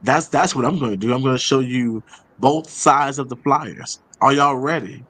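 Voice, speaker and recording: A man who is a show host and playwright chats casually through announcements, often repeating phrases for emphasis. His voice is medium-pitched and a bit bright at a moderate pace.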